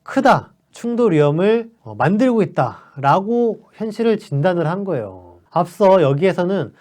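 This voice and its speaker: Animated, mellow-voiced male commentator. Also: high voice, normal speed. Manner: animated and persuasive, with rhetorical questions. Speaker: political commentator. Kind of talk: explanatory commentary.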